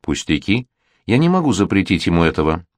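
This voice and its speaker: A man's voice: deep voice, big pitch swings, fairly quick, dry recording. A man voicing a firm, worldly middle-aged father who lectures his daughter, in a read-aloud storybook. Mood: stern.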